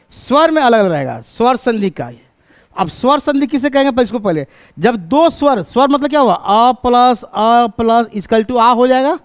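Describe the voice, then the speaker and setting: A man's voice: high-pitched, dry recording. A man teaching an exam-prep grammar lesson, explaining step by step and answering his own questions. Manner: clears throat often.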